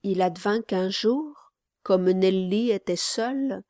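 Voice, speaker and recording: A woman reading a classic novel aloud as audiobook narrator, slow and measured. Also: medium pitch, dark tone, dry recording, clean studio sound. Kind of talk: scripted narration.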